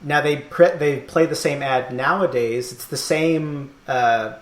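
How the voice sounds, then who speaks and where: A man's voice: on the high side, measured pace. A man hosting a podcast, chatting casually and thoughtfully, rambling with many fillers and laughing often. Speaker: podcast host. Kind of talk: casual chat. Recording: roomy echo.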